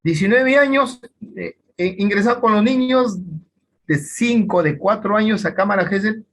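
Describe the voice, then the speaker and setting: A man's voice: sits high, moderate pace. A man with a Peruvian Spanish accent lecturing on forensic psychology in an online class, rambling with many fillers and restarts.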